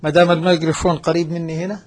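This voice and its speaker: A man explaining Quran recitation rules as a teacher on a broadcast, demonstrating pronunciations in a measured way. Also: fairly high pitch, level tone, slight background noise.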